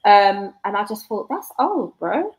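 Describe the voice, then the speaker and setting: A woman's voice: mid-range voice, sing-song, a little slow, poor audio. A woman, chatting casually as a guest author, reflective and laughing often. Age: 40s. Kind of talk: casual live chat.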